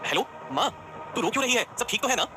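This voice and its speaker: A man's voice: very high-pitched, lively intonation, fast talker, background noise, voice pushed up. A man voicing an earnest, troubled young man in an audio story, speaking with emotion. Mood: panicked.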